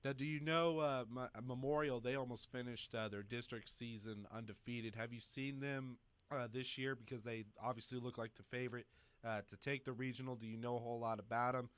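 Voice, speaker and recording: A man hosting a high school sports talk show, chatty and joking with fillers. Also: fairly even intonation, fairly quick, fairly bright tone, smooth, dry recording. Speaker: sports radio host.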